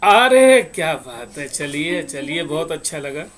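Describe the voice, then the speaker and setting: A man's voice: a little high, sing-song, a little slow, a bit bright. A man telling a moral parable and explaining its lesson, speaking straight to his listeners. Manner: explains plainly and addresses listeners directly. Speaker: moral storyteller. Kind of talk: moral parable talk with sung verses.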